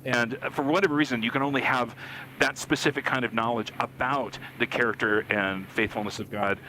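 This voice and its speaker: Bright-voiced man chatting in a cockpit. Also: mid-range voice, steady tone, a little fast, slight background noise, poor audio. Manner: warm, self-deprecating storyteller. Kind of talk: casual chat. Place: small airplane cockpit.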